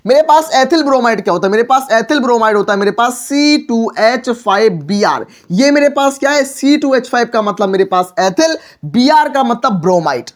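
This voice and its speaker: A male teacher giving a lively exam-prep chemistry lecture, asking rhetorical questions and repeating phrases to drive points home. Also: very high-pitched. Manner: repetitive, rhetorical questions, filler phrase "mere paas". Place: online class video.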